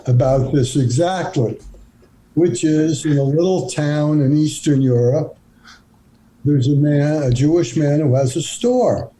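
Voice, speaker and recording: A man with a warm, mellow voice tells a joke at a slow, measured pace. His pitch sits a little high for a man. Faint background noise hums under the recording. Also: low-quality recording. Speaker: guest. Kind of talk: joke telling.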